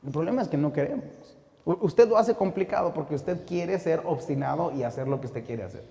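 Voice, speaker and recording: A man preaching a sermon as pastor, impassioned, swinging between shouted rebukes and low, intense warnings. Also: lively intonation, fairly quick, gravelly. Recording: echoey hall with long reverb.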